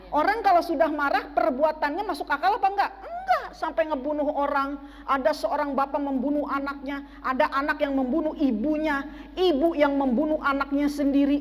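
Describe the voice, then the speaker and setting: A woman's voice: sits high, long reverb tail. A woman preaching a sermon to a women's study group, often asking the audience questions. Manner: asks the audience questions and waits for replies. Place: mosque.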